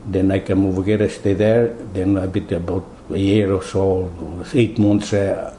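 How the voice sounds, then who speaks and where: Older man, Portuguese accent, halting broken English, low voice, roomy echo. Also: level tone, dark tone, slight background noise. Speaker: interviewee. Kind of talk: oral history interview.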